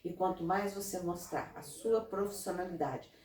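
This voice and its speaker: A woman from Brazil, a guest in an interview, giving earnest, animated advice in casual talk. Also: lowish voice, moderate pace. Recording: roomy, from a distance off mic.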